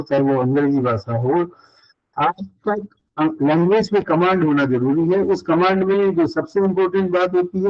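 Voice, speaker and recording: Older male lecturer, lo-fi recording. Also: a little high. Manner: explanatory, lists points, mixes in English phrases. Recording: dull lo-fi recording.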